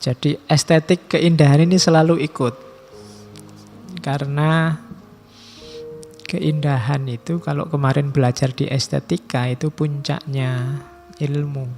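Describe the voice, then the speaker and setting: A middle-aged man giving a philosophy lecture, measured and slowing down to stress key terms, with casual asides. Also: fairly high pitch, steady tone, darkish tone, faint music behind.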